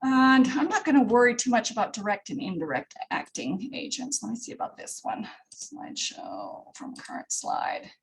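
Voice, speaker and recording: A woman's voice: fairly high pitch, sing-song, moderate pace, a little hiss or hum. Woman, nursing instructor, casual lecture style, fillers and asides, roomy distant classroom recording. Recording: roomy classroom audio from far off.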